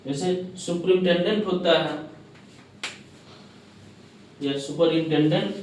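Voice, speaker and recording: A male teacher lectures a class in a slightly high voice. He poses questions, answers them himself and repeats the key terms. He is heard from a distance in a very echoey classroom. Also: takes it slowly, a little mellow, slight background noise. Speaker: English teacher.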